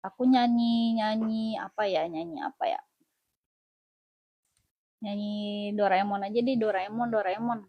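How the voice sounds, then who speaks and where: A woman's voice: mid-range voice, fairly even intonation, a little slow, gravelly, pauses often, warm tone, dry recording. A young woman with an Indonesian accent, teaching Japanese syllables on a casual live stream, playful and laughing between lines. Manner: playful, laughs often, chats with viewers.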